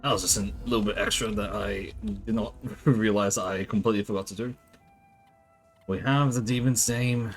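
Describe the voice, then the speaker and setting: A man with a husky voice giving casual video game commentary and reading choices aloud as he plays. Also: on the low side, steady tone, moderate pace, faint music behind. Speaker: gamer, let's player.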